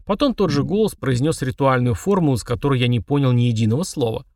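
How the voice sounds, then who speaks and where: A man narrates a novel in the first person with a measured, even delivery. His voice sits in a middle register. The recording is dry, with the mic placed a bit away from him. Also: medium pitch, no room sound, distant mic. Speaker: audiobook narrator.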